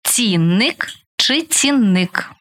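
Woman, radio co-host, slightly high, brisk matter-of-fact quiz. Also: animated, fairly bright tone. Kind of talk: language quiz chat.

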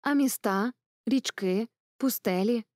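A woman's voice: on the high side, slow pace, a little mellow, no room sound, clean studio sound. A woman doing a curious little boy prince. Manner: eager, questioning.

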